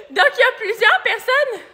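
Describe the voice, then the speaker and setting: A woman's voice: very high-pitched, sharp tone, big-room sound. A young Québécois woman presenting a parrot on a live stream, playful and laughing, cooing and singing to the bird. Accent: Québécois French. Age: young adult. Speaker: animal educator presenting a parrot.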